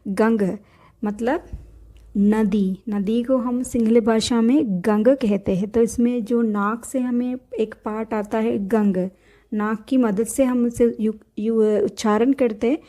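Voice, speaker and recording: Slow, patient woman teaching letters. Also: fairly high pitch, steady tone, mellow. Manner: patient, repeats letters slowly for the learner. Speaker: language teacher. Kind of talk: step-by-step writing lesson.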